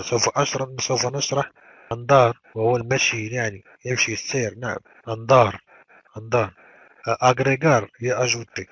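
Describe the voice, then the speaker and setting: Male teacher, classroom lecture, repeats words slowly, dull dry recording. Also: medium pitch, a bit bright, breathy edge, no room sound. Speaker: language teacher.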